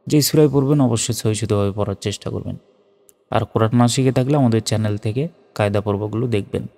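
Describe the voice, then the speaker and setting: A man teaching Quran recitation letter by letter, moving between slow chanted recitation and plain spoken explanation. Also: fairly low pitch, gravelly, mellow. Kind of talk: spelled-out recitation lesson. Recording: long reverb.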